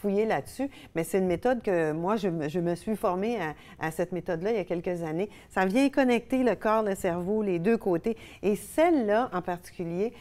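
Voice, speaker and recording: A middle-aged woman with a Québécois accent leads a laughter yoga session as the show's host. Her voice sits at an ordinary middle pitch. She talks in a bubbly way and breaks into hearty laughs between the chanted exercises. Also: fairly quick, hardly any pauses, a little mellow. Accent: Québécois French. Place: TV studio.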